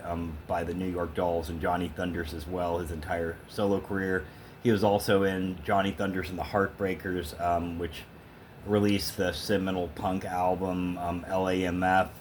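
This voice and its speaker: Showing off records from a thrift store, a vlogger speaks to the camera in a low-pitched voice, casual and emphatic, wandering from point to point as an opinionated music fan. A little hiss or hum is audible.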